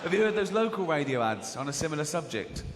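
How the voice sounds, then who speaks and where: A British man with a fairly high-pitched voice performs stand-up in a large theatre, sardonic and quick to slip into mocking voices. The live recording carries a long reverb tail and clearly audible audience noise. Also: sing-song. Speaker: stand-up comedian. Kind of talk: stand-up comedy routine.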